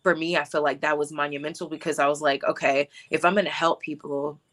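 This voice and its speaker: A woman's voice: deep voice, little pitch movement, quick pace, a bit bright. A woman in her thirties, a filmmaker guest on a talk show, talking reflectively about her life with frequent fillers and easy laughter. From born in Hawaii, grew up in Texas. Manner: reflective, laughs easily, many filler words. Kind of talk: casual talk show interview.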